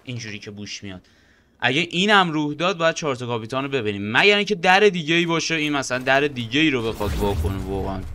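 A young man giving excited, slangy gameplay commentary, shouting and bantering at enemies as he fights. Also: medium pitch, slight background noise. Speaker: gameplay streamer.

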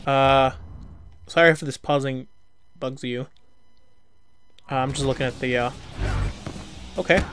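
A man's voice: mid-range voice, fairly even intonation, measured pace, pauses often. A young man giving casual commentary on a fighting game as he plays it, reacting with groans and muttered remarks at every setback. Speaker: let's play gamer. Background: game music and sound effects.

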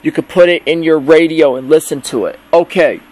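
A man's voice: on the high side, brisk, a little mellow. A man rambling through a casual pretend-play narration, describing each step aloud as he goes. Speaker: video creator.

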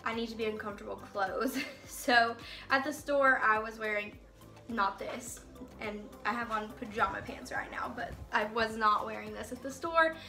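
A young mother and family vlogger chats straight to the camera in her home kitchen during a casual grocery haul, rambling a little. Her voice is a little high, pushed and bright, at a moderate pace. Soft music plays in the background.

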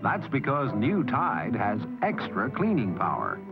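Old 1950s tv ad guy, sing-songy, slow and careful, muffled old broadcast sound with music loud behind. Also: wildly swooping pitch, vocal fry. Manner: bright, sing-song pitch, carefully paced selling. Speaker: commercial announcer. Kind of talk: 1950s TV ad voice-over. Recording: dull lo-fi old TV audio. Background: loud jingle music.

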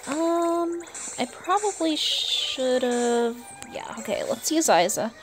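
A high-pitched woman speaks slowly over music, giving chatty gameplay commentary as player and channel host. Recorded indoors as voice-over with game music, she often talks to herself and to the game's characters.

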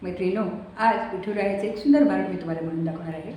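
A woman's voice: mid-range voice, rapid-fire, warm tone. A woman host narrates a story to set up the verses of a devotional song. She is recorded from a distance in a strongly echoing room. A faint background noise runs under her voice. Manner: storytelling, sets up each verse. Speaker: channel host. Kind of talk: explaining and singing a devotional folk song.

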